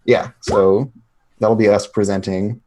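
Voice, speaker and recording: Casting: male tabletop player, low voice, loose improvised storytelling among friends. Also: fairly even intonation, measured pace, a little mellow, poor audio. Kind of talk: casual, improvised game narration.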